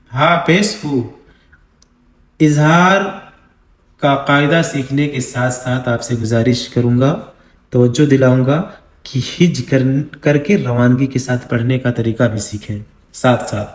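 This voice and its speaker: A man teaching Quran reading, spelling out syllables slowly and drawing out recited words between quick explanations. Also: fairly high pitch, echoey room. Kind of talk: recitation lesson.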